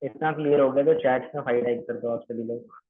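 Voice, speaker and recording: A man from Maharashtra coaches trainees through a calling script in a steady, mid-range voice at a fairly quick pace, heard over tinny, phone-like audio. He repeats points, checks often that they understood, and mixes English phrases into his Hindi.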